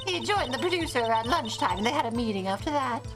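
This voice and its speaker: A woman's voice: a little high, animated, quick pace, over music, natural voice. A woman voicing a pushy, gossipy old woman witness in a strained old-lady voice while reading a visual novel aloud. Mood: chatty.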